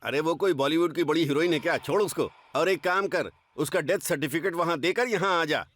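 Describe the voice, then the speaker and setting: An actor playing a self-important funeral guru who gives commands, in a Hindi film dub. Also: male voice, fairly high pitch, a little fast, a bit bright, lightly acted. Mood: commanding.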